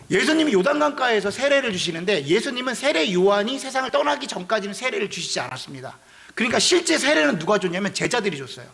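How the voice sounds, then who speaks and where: A man's voice: high voice, creaky, pushed and bright. A man preaching a sermon as pastor, explaining scripture in a conversational way with rhetorical questions.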